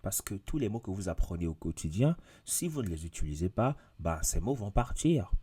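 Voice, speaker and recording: A man's voice: low-pitched, sing-song, moderate pace, warm tone, slightly rough. A man teaching in a casual video lesson, talking straight to his viewers and repeating his points with emphasis. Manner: repetitive, emphatic, addresses viewers directly. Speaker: English teacher.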